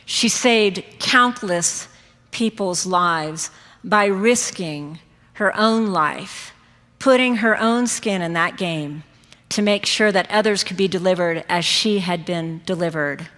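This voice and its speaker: A woman's voice: fairly low pitch, slow, fairly bright tone. A middle-aged woman preacher giving a sermon, telling a personal story in a conversational way. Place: church. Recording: long church reverb.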